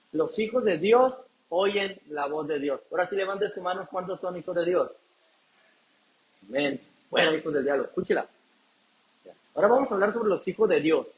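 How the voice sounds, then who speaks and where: Male pastor, high voice, preaching with call-and-response questions; muffled lo-fi sound. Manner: preaching, asks the congregation questions and answers them. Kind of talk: sermon.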